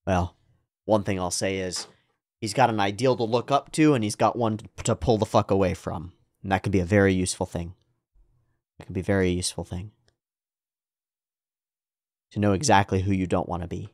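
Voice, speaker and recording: A man giving casual reaction commentary as a show host, animated and sweary, often repeating phrases for emphasis. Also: low voice, fairly quick, long pauses, dry recording, studio quality.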